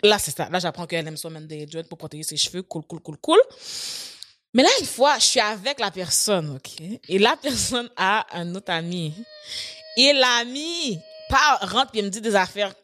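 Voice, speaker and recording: A woman telling stories in casual chat, animated and laughing often. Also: mid-range voice, normal speed.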